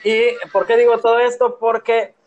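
A man's voice: very high voice, level tone, normal speed, a little mellow, faint music behind. A man from Yucatán in Mexico with a Yucatecan accent, co-hosting a casual podcast in a playful, rambling way, recorded on a phone in his room. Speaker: podcast co-host. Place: his own room at home.

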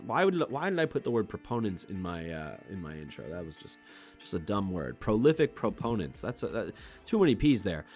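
A man co-hosting a podcast, chatting casually and joking as he corrects himself. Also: medium pitch. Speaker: podcast co-host.

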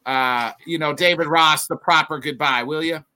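A man's voice: a little high, fairly even intonation, normal speed, bright, forceful tone. A man hosting a casual sports talk show with profane, combative banter.

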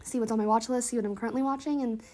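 A woman's voice: fairly high pitch, steady tone, rapid-fire, darkish tone. A woman hosting a casual solo podcast in a chatty, upbeat, informal way, sounding stuffed up and slightly wheezy. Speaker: podcast host.

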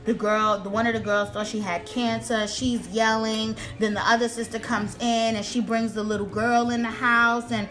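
A young woman, a nail technician telling a story in casual chat, animated and acting out quotes. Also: normal speed, few pauses, rough recording. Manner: animated, acts out quotes with big pitch jumps, laughs through lines.

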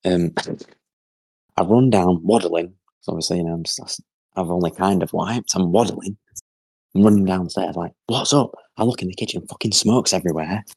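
Young lad, podcast co-host, deep husky voice, rambling and sweary. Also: male voice, steady tone, moderate pace, a little mellow, no room sound. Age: young adult. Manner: rambling storyteller with lots of fillers and swearing. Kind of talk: casual chat and anecdote.

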